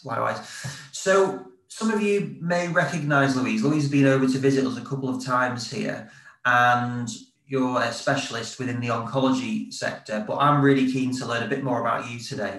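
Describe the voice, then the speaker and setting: A man's voice: mid-range voice, normal speed, fairly bright tone. A man hosting an interview over a video call, his voice roomy and set back from the microphone. He asks his questions in a hesitant way, doubling back on his words before he gets to the point. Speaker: interview host. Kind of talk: interview conversation. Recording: roomy sound from far off the mic.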